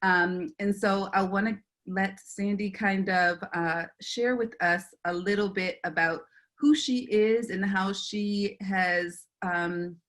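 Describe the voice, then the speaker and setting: A woman hosts a talk show and welcomes her guest. She speaks at an average pitch in a relaxed, casual manner, with fillers along the way. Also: slow pace, few pauses. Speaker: host. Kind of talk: interview introduction.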